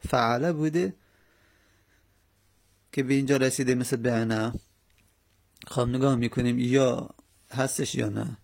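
A man teaching a grammar lesson, explaining slowly step by step with many pauses and fillers. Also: medium pitch, vocal fry, darkish tone.

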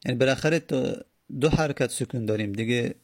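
Gravelly husky man teaching grammar. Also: medium pitch, darkish tone. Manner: slow, explanatory, repeats and spells out word forms. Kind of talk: Arabic grammar lesson in Persian.

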